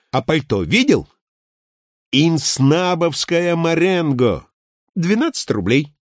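A loud, cheerful red-haired hustler brags about his deals, as a male narrator puts him on. He draws his words out and swings his pitch high, with a husky edge. The sound is dry and close. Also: no echo. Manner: bragging, drawn-out, excitable.

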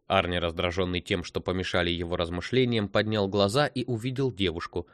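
A man with a fairly low voice narrates an audiobook at a measured, steady pace. The recording is dry and close, with no room sound.

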